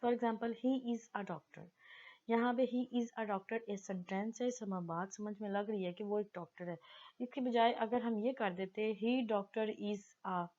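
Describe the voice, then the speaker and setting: A woman teaching basic grammar, explaining in Hindi-Urdu and slowly reading definitions aloud. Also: mid-range voice, darkish tone, dull audio. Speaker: English teacher.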